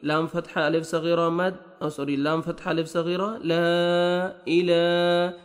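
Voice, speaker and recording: A high-voiced man teaches Quran recitation, moving between quick explanations and slow chanted verses. A long reverb trails each phrase, so the voice sounds like it is ringing through a big room. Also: level tone. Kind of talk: recitation lesson, spelling out letters and vowel marks.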